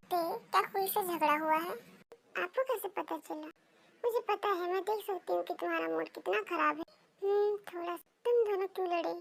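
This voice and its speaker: A woman's voice: very high voice, vocal fry, full character voice. A woman reading as a sulky young wife. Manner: soft, sulky.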